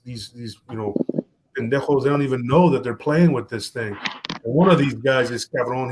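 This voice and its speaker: A man telling a story on a podcast in a casual, animated way, mixing Spanish slang into his talk. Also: mid-range voice. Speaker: podcast guest.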